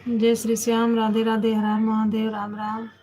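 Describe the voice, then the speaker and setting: A woman's voice: on the high side, monotone, normal speed, warm tone, a little hiss or hum. A woman hosting a casual live stream on her phone, greeting viewers by name and repeating devotional greetings.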